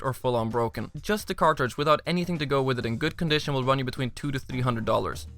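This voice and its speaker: A man hosts a scripted video game review at a quick pace. His voice is bright and forward, with dry, sarcastic asides. Music plays lightly underneath. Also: mid-range voice. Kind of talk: scripted comedic review narration.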